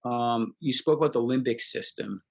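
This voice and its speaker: A man hosts an interview and asks his guest long, thoughtful questions. His voice is mid-pitched and his delivery stays measured and even. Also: creaky. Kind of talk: conversational interview.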